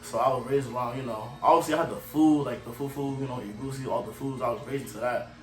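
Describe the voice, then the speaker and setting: A man's voice: medium pitch, fairly even intonation, fast talker. Young man, from Cameroon, laid-back slangy talk, echoey room, faint music behind. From Cameroon, raised in Maryland. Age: 20s. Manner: laid-back, slangy, often trails off softly. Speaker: guest singer. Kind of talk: casual interview chat. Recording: roomy echo, faint music.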